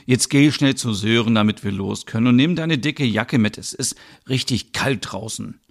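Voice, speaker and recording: A man voicing a brisk, practical young mother in a one-man audio soap, giving instructions. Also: medium pitch, natural voice. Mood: firm.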